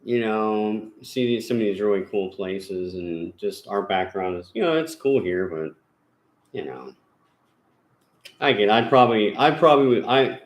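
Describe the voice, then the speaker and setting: Low-voiced man chatting at home, roomy sound. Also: lively intonation, moderate pace. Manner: rambling, frequent fillers and restarts. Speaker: paranormal investigator channel host. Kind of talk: casual chat. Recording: roomy echo.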